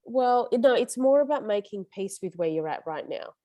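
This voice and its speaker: A woman's voice: medium pitch, animated, normal speed, warm tone, no echo, lo-fi sound. A woman, leading a casual support group session in an earnest, coaching way that often trips over her words.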